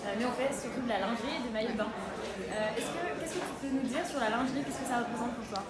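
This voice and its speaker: Upbeat higher-voiced woman interviewer. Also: quick pace. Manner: upbeat, brief reactions. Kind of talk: casual interview questions. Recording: echoey room with loud crowd.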